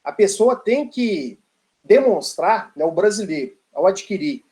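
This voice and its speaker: A man's voice: high-pitched, expressive, a little slow, darkish tone. A man delivers an informal law lecture. He tells a playful story with frequent tag questions and asides.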